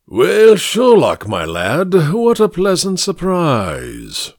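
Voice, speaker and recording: A booming, self-satisfied fat gentleman holds court in a grand, patronizing tone, as a male audiobook reader puts him on. His voice swings widely up and down as he lectures, and the recording is close and dry. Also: huge pitch swings, takes it slowly, no echo, full character voice. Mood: genial, patronizing. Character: fat, genial, pompous older gentleman who lectures. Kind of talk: audiobook character voice.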